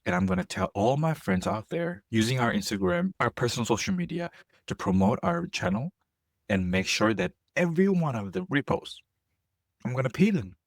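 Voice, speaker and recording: A young man of Korean heritage, raised abroad, co-hosts a podcast in loose, jokey chat with lively swings of pitch. His voice has a gravelly fry, and the recording is dry and close. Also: moderate pace, no room sound. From grew up outside Korea, Korean heritage. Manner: playful, jokey, animated, often self-correcting. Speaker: podcast co-host. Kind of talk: casual chat.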